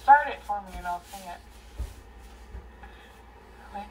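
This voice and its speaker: Medium-pitched and a little slow, with lively intonation, this woman in her thirties is drunk and chatting live to her stream in a small bedroom, rambling and profane. Her mood is volatile, lurching from tears to laughter to shouting. The mic is far away and picks up a little hiss or hum.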